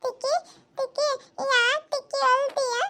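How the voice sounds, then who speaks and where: A woman's voice: steady tone, moderate pace, sharp tone, slight background noise. Woman putting on a pleading little girl. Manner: coaxing, high and childlike. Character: small girl pleading with crying aunt.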